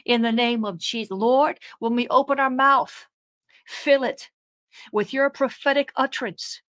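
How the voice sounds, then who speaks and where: A woman's voice: on the high side, measured pace, fairly bright tone, dry recording. A woman leading a fervent spoken prayer, with rhythmic repeated phrases that build into exclamations. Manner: repetitive, rhythmic, rising into exclamations; speaks in tongues briefly. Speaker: prayer leader.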